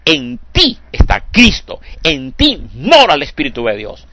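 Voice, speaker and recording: A man's voice: on the high side, huge pitch swings, measured pace, a little hiss or hum. Older man preaching a fervent sermon. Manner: fervent, repeats "hermanos santos" with a soft drop at phrase ends; stumbles and repeats words when moved.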